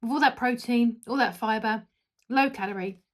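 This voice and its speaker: A woman's voice: on the high side, normal speed. A woman giving a casual, promotional food review as a product reviewer, in a chatty and enthusiastic way.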